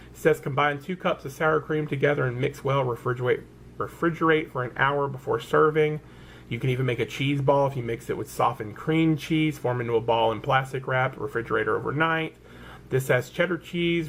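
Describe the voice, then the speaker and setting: A chatty man with a light Southern American drawl talks through a haul in an easygoing, rambling way. He stumbles over words and corrects himself as he goes. His pitch sits in a middling range, with a faint hiss of background noise. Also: gravelly. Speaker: vlogger. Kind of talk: casual product haul chat.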